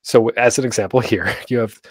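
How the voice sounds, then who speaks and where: A man hosts an online convention panel, explaining things step by step. His voice sits in an ordinary middle pitch and sounds dry and close through a gated microphone. He leans on um fillers and at times chops his words into a careful staccato. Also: fairly even intonation, dry recording. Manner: explains with frequent um fillers, sometimes deliberately staccato. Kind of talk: online presentation talk. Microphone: desk microphone with a noise gate.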